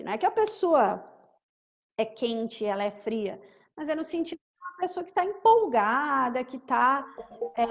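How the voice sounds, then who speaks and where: A woman teaching English through a song, explaining in Portuguese and slowly repeating English words and lyrics. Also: high-pitched. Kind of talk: song-based English lesson.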